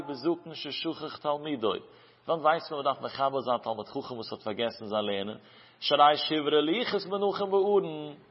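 A man leads a Talmud study lesson, his speech moving in a chanting singsong cadence that rises and falls. His voice is husky and sits a little high for a man. The recording is muffled and dull, with a long reverb trailing behind him as if he is in a large hall. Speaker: Talmud teacher.

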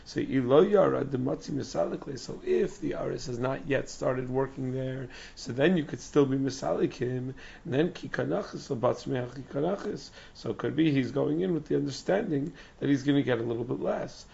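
Male religious teacher, lost-voice hoarseness, heavy gravelly rasp, explaining text line by line, dull muffled recording. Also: medium pitch, fairly quick, few pauses, darkish tone. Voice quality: raspy, strained, breathy croak. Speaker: religious teacher giving a daily Talmud class. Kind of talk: Talmud lesson, reading and explaining text.

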